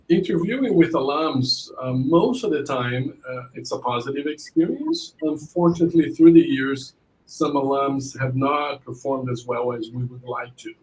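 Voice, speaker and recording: A man of ordinary pitch gives interview advice as a podcast guest. His talk rambles, looping through restarts and a steady stream of "you know"s. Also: rough recording. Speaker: admissions consultant guest.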